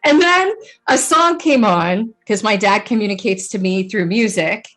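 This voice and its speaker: A woman's voice: medium pitch, animated, measured pace, fairly bright tone. A woman hosting a podcast interview, telling a personal story in a chatty way with frequent restarts and laughs. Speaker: podcast host. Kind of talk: casual conversational interview.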